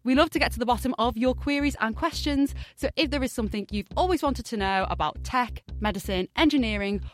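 A woman presenting a science podcast as host, with a bright, curious and upbeat delivery. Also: a little high, fairly quick.

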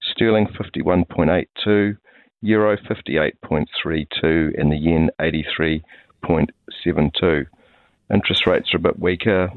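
Phone-like sound, dry, deep male voice, New Zealand accent, markets analyst, reading stock prices. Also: fairly even intonation, a little slow, no echo. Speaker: financial markets analyst, guest. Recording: narrow-band phone-like line.

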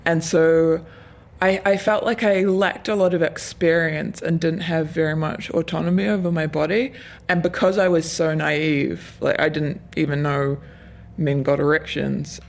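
A woman in her twenties, her voice electronically altered to sound deeper, speaking candidly and reflectively in a documentary interview with hesitant fillers. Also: gravelly. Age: 20s. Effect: voice altered, disguised deeper.

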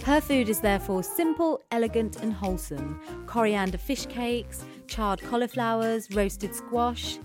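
A woman narrating a food programme in a crisp, playful scripted way. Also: on the high side, expressive, a little slow, few pauses, over music. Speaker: presenter narrator.

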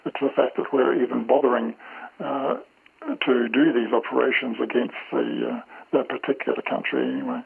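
A man whose voice is disguised by an altering filter, a former intelligence officer talking on the phone in a halting way, with many fillers and restarts. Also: medium pitch, lively intonation, gravelly, slightly rough. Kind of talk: phone interview. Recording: tinny, noisy phone line.

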